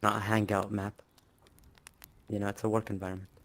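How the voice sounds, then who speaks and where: A man talks casually as an interview guest, boasting and often laughing. His voice sits fairly low. It stays quite flat in tone. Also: a little fast, vocal fry. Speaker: interviewee, clan leader.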